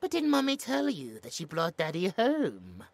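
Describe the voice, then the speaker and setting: With a British accent, a man plays a smug, cruel mad scientist in an audio roleplay, taunting, theatrical and clinically precise, in a mock-sweet mood. His exaggerated voice is high-pitched with huge pitch swings, at normal speed with no echo.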